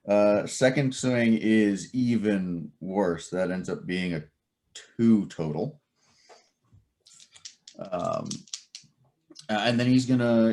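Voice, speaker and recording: A man narrating as game master of a tabletop game, animated and full of fillers and laughs. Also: deep voice.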